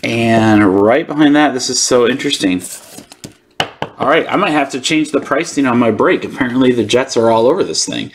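A man's voice: mid-range voice, normal speed, slight background noise. A man hosting a sports card channel, giving casual, informal unboxing commentary as he thinks aloud.

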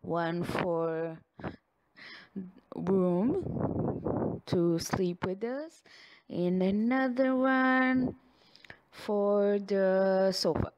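Heard through a muffled recording, a medium-pitched woman who doesn't speak English natively plays an affectionate girlfriend in an ASMR roleplay addressed to the listener. Her pace is slow and loving, broken up by frequent sighs and giggles.

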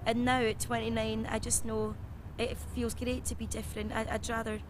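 Quick, flat-voiced woman. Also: on the high side, background noise. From Scotland. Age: 20s. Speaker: interviewee.

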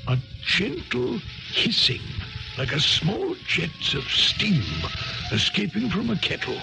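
An actor playing an earnest, slightly blustery gentleman doctor, a loyal companion who also narrates a 1970s radio drama. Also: high voice, huge pitch swings, slow, vocal fry, over music, exaggerated voice, low-quality recording. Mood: suspenseful.

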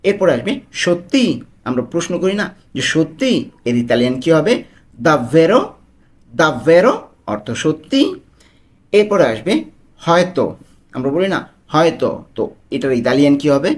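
Bangladeshi man drilling beginner phrases slowly. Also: on the high side. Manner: slow, repetitive drilling of phrases. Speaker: language tutor. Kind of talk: video language lesson.

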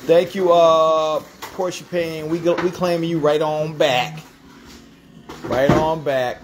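A man's voice: fairly high pitch, fairly even intonation, takes it slowly, very noisy. A man hosting a home cooking live stream, chatting with viewers while filming on a phone in a kitchen. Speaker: cooking show host. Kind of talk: casual live-stream chat. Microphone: handheld phone camera.

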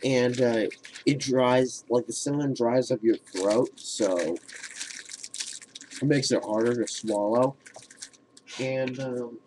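A teenage boy chatting casually to a webcam at home in a hesitant, halting way. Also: medium pitch, a little mellow, poor audio. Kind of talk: casual vlog chat. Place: room at home, indoors. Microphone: webcam at arm's length. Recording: faint noise and clicks, webcam audio.

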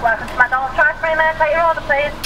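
A man voicing a drive-through worker taking an order, with rapid chirpy service patter. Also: very high-pitched. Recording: distant mic, car and traffic noise.

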